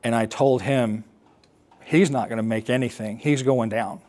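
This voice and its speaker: With a darkish tone and medium pitch, an American man talks to an assembly about his life as an air traffic controller. His storytelling is explanatory and halting, broken by pauses.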